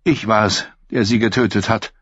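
A man voicing a smooth, scheming lord who talks gently and persuasively in a storybook reading. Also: fairly low pitch, steady tone, normal speed, no room sound, dull audio, voice pushed up. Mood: tender. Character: smooth, scheming middle-aged lord, soft-spoken.

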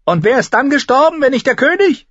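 A man voicing a brash red-haired woman calling loudly down from a window in an audiobook. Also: extremely high pitch, sing-song, a little fast, breathy edge, dry recording, dull audio, pitched above the performer's own voice, full character voice. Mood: teasing. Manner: loud, mocking, called from afar.

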